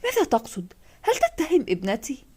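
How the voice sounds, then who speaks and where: A woman's voice: on the high side, big pitch swings, brisk, mellow. A woman voicing an anxious middle-aged mother who protests shrilly in a storybook reading. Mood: agitated.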